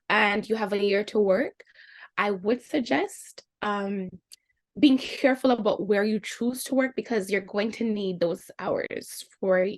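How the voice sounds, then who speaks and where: A young Jamaican woman, a guest in a casual interview, telling her experiences in an animated way, her pitch leaping up for the reactions she quotes.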